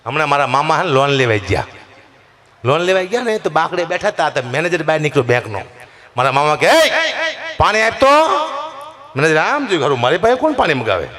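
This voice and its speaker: A man performs folk comedy from a live stage. His voice sits high and swings widely, leaping up for punchlines in an animated storytelling manner. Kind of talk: Gujarati dayro stand-up storytelling.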